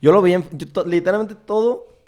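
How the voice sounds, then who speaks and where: Un hombre con acento mexicano que conduce un pódcast y conversa de forma casual, contando escenas con muchas muletillas. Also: male voice, high voice, fairly quick, darkish tone. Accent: Mexican Spanish. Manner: chatty, retells scenes at length with filler words. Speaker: podcast host interviewing a guest.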